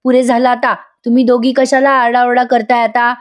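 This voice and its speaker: A woman's voice: fairly high pitch, little pitch movement, fairly quick, pitched above the performer's own voice, natural voice. A woman voicing a protective mother who pleads and stands firm. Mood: pleading firm. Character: protective mother defending her son.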